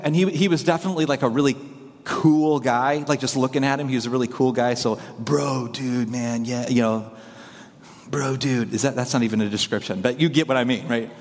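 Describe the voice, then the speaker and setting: A man's voice: mid-range voice, fast talker. Storytelling male pastor in a big hall. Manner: digressive, self-deprecating storytelling. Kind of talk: sermon.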